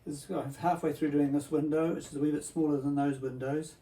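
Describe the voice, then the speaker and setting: A man presenting a workshop vlog to children as a builder, in a bright kids' party host manner, explaining things simply and checking in with tag questions. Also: fairly high pitch, steady tone, a little fast, slight background noise, poor audio.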